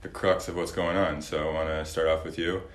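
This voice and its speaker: Deep-voiced man hosting, echoey room. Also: flat delivery, a little fast. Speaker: podcast host. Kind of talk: casual conversational interviewing.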